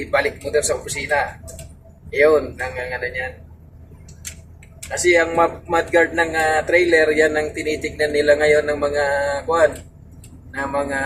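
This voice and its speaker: A man's voice: a little high, a bit bright. A man, a truck driver, casually giving advice to fellow drivers, rambling with many fillers. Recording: distant mic, noisy surroundings.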